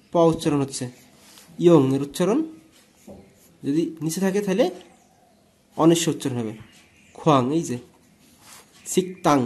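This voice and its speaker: Mellow-voiced man teaching a language lesson. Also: fairly high pitch. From Bangladesh. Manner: explains step by step, asks and answers own questions.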